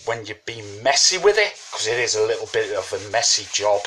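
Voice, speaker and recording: With a lowish, fairly bright voice and a sing-song lilt, a man talks a little fast over slight background noise. He has a cold and sniffles now and then while rambling through a home brewing recipe at his kitchen table. It's a chatty, casual how-to, peppered with "you know what I mean."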